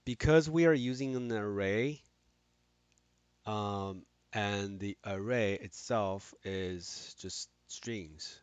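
A man explaining software in a screen-recorded tutorial, talking haltingly with many restarts and fillers. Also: fairly low pitch, clear, resonant tone, no echo. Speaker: instructor.

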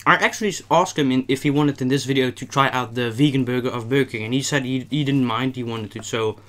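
A man's voice: mid-range voice, fast, fairly bright tone. A young man with a mid-range voice chats in an attic room. He is casual and slangy as host, talking between bites in front of a camera across the table. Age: young adult. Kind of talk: casual mukbang chat. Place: small warm attic room, indoors.

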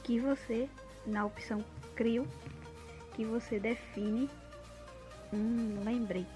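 In an unscripted app tutorial backed by clear music, a Brazilian woman speaks slowly in a fairly high, warm voice with a steady tone.

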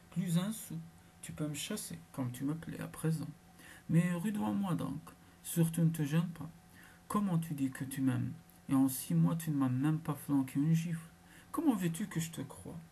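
A woman reading the part of a capricious young woman who taunts her lover, in a low half-whispered voice. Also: dark tone, slight background noise.

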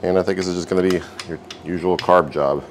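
Working at a garage bench, a man hosts a repair video, narrating in a relaxed, wry way as he goes. His voice sits low and moves fast, with a little hiss or hum in the audio.

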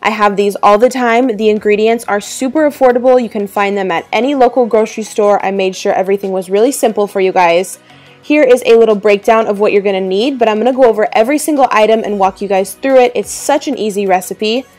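A woman's voice: medium pitch, fast talker, darkish tone, soft background music. A woman in her twenties talking casually to camera as a lifestyle vlogger, upbeat and chatty with lots of ums and likes. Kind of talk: voice-over cooking tutorial. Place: bedroom with clothes rack behind. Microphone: camera framed from the waist up.

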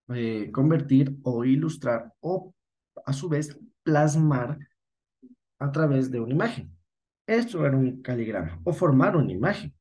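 A man's voice: mid-range voice, darkish tone. A man with an Ecuadorian Spanish accent, teaching a class patiently, often correcting himself and checking that students follow. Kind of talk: online class lesson.

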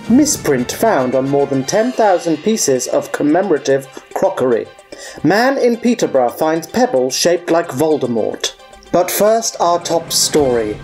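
A woman's voice: low-pitched, darkish tone, rough recording. A performer voicing a woman parody news anchor, presenting a mock-serious local bulletin.

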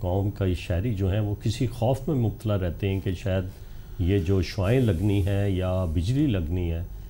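A man's voice: deep voice, measured pace, dark tone, slight background noise. An older man, hosting a TV health talk show, asking questions hesitantly with many filler sounds. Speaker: show host. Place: TV studio.

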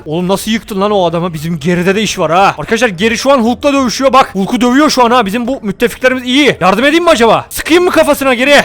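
A man with a very high voice gives rapid, excitable gameplay commentary, calling out to his viewers as he plays. He talks fast and loose, full of slang and quick jabs at the characters on screen. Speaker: gaming YouTuber.

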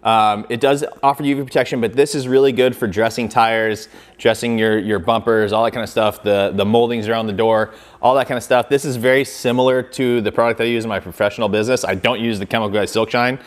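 A man's voice: mid-range voice, fairly even intonation, fast. Casual man reviewing car wash kits. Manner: conversational, filler-heavy, demonstrative with hands. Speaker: car detailing channel host. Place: indoor garage workshop with shelves of products.

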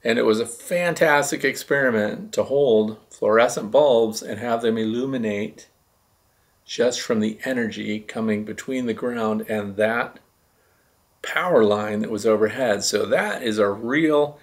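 A man's voice: fairly low pitch, unhurried. Rambling middle-aged man explaining. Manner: rambling, explains with hand gestures, laughs at himself. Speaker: beekeeping channel host. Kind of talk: casual explanatory talk.

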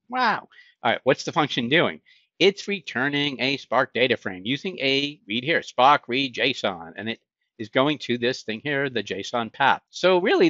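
A man's voice: medium pitch, fairly bright tone, no room sound. A middle-aged man with a Boston accent, teaching a screen-share tech tutorial in a conversational way, asking himself questions and answering them. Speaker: instructor. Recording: dull lo-fi sound.

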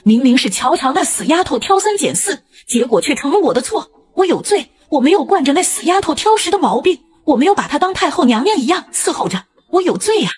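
A woman's voice: big pitch swings, brisk, few pauses. A woman voicing a mean, scolding grandmother in her sixties who favors her grandson. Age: 60s. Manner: shrill and scolding.

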